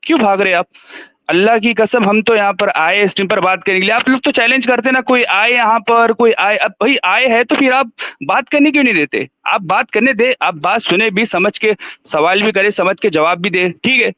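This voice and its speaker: A man's voice: sits high, pushed and bright, dry recording, muffled recording. A man in a heated religious debate on a livestream, insistently demanding to be heard and pressing his point.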